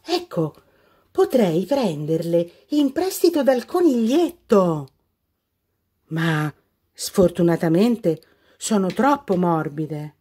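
A woman's voice: big pitch swings, slow, warm tone, breathy edge, heavily acted. A woman voicing a little girl in a storybook who has stopped listening, crying out in distress. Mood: fretful. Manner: high, cries out in distress.

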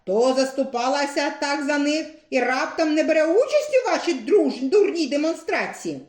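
A screeching, tyrannical ice lord from a storybook, shrieking orders and freezing spells in a voice pushed very high. The pitch leaps wildly from line to line. The room around the voice has a clear echo. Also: female voice, animated, normal speed. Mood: suspicious. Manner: screeching, shouting threats and spell chants.

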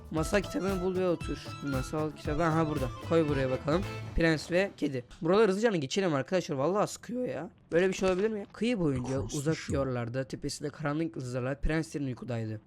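A young man doing jokey horror game commentary, swearing casually and talking to the game baby and his viewers. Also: on the high side. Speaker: gaming YouTuber. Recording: music playing underneath.

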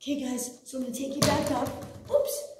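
A woman's voice: sits high, level tone, fast, very noisy. A middle-aged woman leading an exercise class as an aerobics instructor, cueing reps with short, encouraging commands, recorded by a distant camera in a studio. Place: large indoor exercise studio with hard floor. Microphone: far camera. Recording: roomy echo, distant camera mic.

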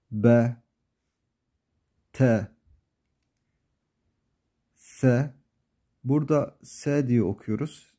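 A man teaching Quran letter pronunciation in a slow lesson, patiently repeating each letter sound several times. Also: medium pitch, mellow, slightly rough.

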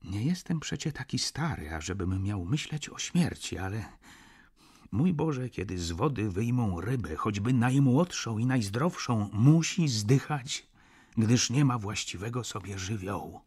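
A male audiobook narrator with a low, husky voice. He reads a first-person account in a measured, reflective way. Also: lively intonation, darkish tone. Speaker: audiobook reader.

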